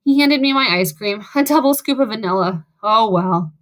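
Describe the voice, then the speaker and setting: A woman's voice: on the high side, animated, moderate pace, fairly bright tone. A woman reading a first-person audiobook in a wry, sarcastic way. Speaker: audiobook narrator.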